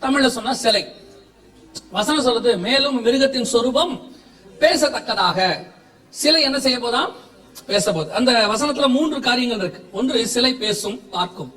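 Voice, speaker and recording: A man with a Tamil accent preaching a lively sermon, often laughing as he asks the congregation questions. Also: very high-pitched, moderate pace. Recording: echoey hall from far off.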